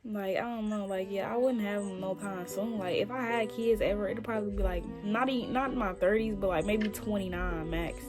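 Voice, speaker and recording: A woman's voice: mid-range voice, brisk, few pauses. A young woman chatting casually on video with strangers, blunt, slangy and full of swearing. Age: young adult. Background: music.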